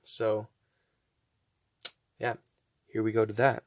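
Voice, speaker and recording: A man's voice: on the low side, monotone, slow, very noisy. A man hosting a casual, rambling podcast, chatty and urging listeners on, pronouncing his R sounds weakly, close to W. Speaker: podcast host.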